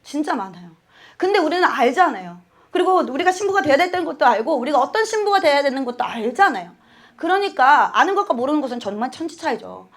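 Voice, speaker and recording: A woman giving a heartfelt testimony at a church service, emotional and animated, acting out her own prayers and laughing now and then. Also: high-pitched, fast talker. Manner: laughs often while talking. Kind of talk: sermon testimony.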